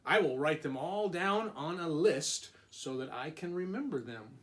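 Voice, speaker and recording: A man voicing a fretful, literal-minded toad in a children's storybook, with emphatic, deliberate delivery. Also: a little high, animated. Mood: earnest, pleased. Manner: emphatic, deliberate, wailing when upset.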